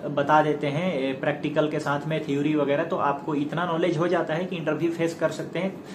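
A man from India in his thirties, a YouTube presenter giving career advice, explains things informally in a slightly high, flat voice. His phrasing is halting, with many filler pauses. He uses a clip-on lapel mic, and the recording is echoey with noticeable background noise.

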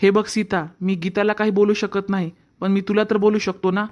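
An earnest, dutiful young husband and son in a cartoon family drama, voiced by a woman. He lectures his wife in a steady, mid-pitched voice. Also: brisk, lightly acted.

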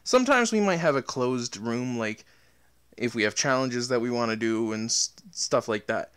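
A man's voice: medium pitch, animated, normal speed, fairly bright tone, clean tone. A man who makes gaming videos, chatting casually and rambling with many fillers and restarts. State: out of breath. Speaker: gaming YouTuber. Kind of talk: casual outro talk to viewers.

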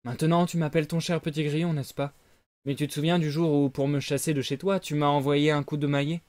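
A man voicing a wise, stern talking cricket in a low, lecturing tone. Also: flat delivery, brisk, a little mellow, lightly acted. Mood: sévère, posé. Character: grillon parlant sage et sévère.

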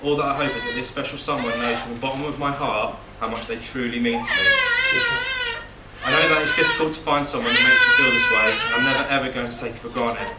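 His medium-pitched voice swoops wildly as the young man rushes through his groom's speech, notes in hand, at an indoor wedding reception. He cracks jokes, but emotion makes his voice catch now and then. Captured by a distant camera with no mic, the audio is echoey and very noisy.

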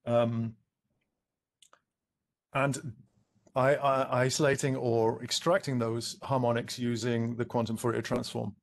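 A man's voice: medium pitch, level tone, unhurried, gravelly, pauses often. A man, an expert on a panel over a video call, explaining at length with many ums and restarts.

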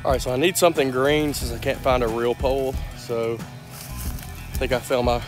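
A young fishing vlogger chats easily to a handheld phone held at arm's length while working on a lake, both in a boat and on a wooded bank. His medium-pitched voice is steady and at normal speed, heard over loud music.

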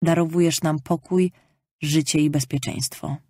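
A woman voicing a loving, gentle mother who tenderly reassures her daughter, in an audiobook reading. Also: deep voice, steady tone, normal speed, dry recording, studio quality.

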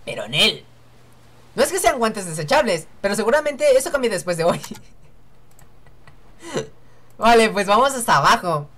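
A woman's voice: medium pitch, sing-song, moderate pace, pauses often, a bit bright. A young woman hosting a let's-play, chatting and joking to herself as she reads game dialogue aloud. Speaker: gaming channel host.

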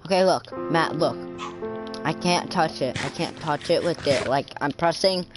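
A man's voice: on the high side, measured pace, poor audio. A man with an Australian accent directing his friends while they play a game together. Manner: bossy, repeats himself. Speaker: gamer streaming with friends. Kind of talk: casual gaming banter. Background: music.

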